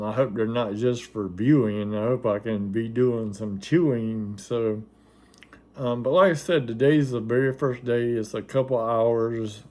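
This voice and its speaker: A man's voice: mid-range voice, dark tone. A man vlogging in a casual, rambling, hesitant and folksy way, with slightly slurred, wet articulation from new dentures and a slightly loopy delivery. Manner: hesitant, folksy, self-deprecating. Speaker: vlogger documenting a personal experience. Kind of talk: casual rambling chat to camera.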